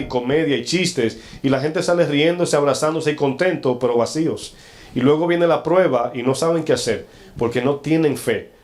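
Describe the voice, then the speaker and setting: A male pastor with a medium-pitched, somewhat dark voice delivers a stern, confrontational sermon. He fires rhetorical questions at the congregation and slows his pace when reading scripture aloud.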